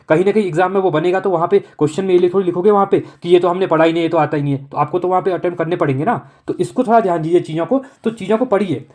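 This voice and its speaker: A fast-talking man running an exam-prep lesson, his voice sitting a little high for a man. He works through the answers briskly and keeps checking in with the students. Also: darkish tone. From Uttarakhand. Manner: brisk, repeats "okay" constantly, coaching tone.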